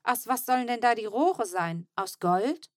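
A woman reading aloud puts on Manne, a grumbling, excitable man in a children's audiobook. He fusses and exclaims, pitched higher and pushed louder than the narration, with a dry, close sound. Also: unhurried, no echo. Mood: annoyed. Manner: fussing and exclaiming.

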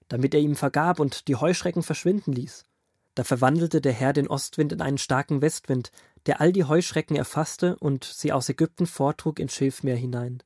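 Playing a grandfather figure, a man reads a Bible story aloud in a gentle, calm narrative style for kids' audio drama. His voice leans high, the acting is light, and the studio-quality recording has no echo.

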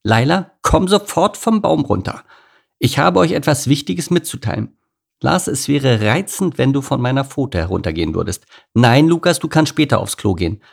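A man's voice: mid-range voice, sing-song, normal speed, creaky, breathy edge, voice pushed up, heavily acted. A man voicing a bossy but caring lioness mother in an audiobook story. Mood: scolding. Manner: scolding, commanding.

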